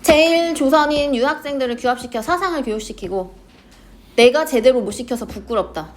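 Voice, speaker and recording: Woman voicing a shamed young man, read with some feeling, pitched up. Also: fairly quick, a little hiss or hum, close to an everyday voice. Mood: ashamed.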